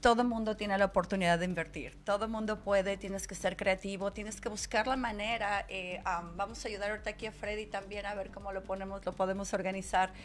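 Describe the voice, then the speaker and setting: Female radio host, mid-pitched, talkative, quick to laugh, casual interview tone. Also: steady tone. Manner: chatty, laughs often.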